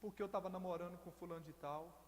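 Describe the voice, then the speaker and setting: A resentful teenage girl explains herself defensively, voiced by a preacher. The voice stays close to a man's own high speaking pitch, inside a sermon that rings with a long church-hall reverb. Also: steady tone, quick pace, a little mellow, natural voice. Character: upset rebellious teenage girl.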